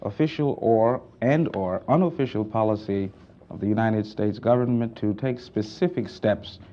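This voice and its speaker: A man hosting and moderating a TV interview, introducing guests and asking formal, measured questions. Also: fairly low pitch, dark tone. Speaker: host and moderator. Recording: dull lo-fi 1960s TV audio.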